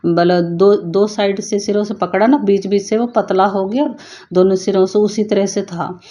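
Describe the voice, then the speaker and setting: A woman giving an earnest personal devotional testimony, talking in a halting way with frequent restarts. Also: mid-range voice, fairly even intonation, mellow. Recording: dull lo-fi voice note.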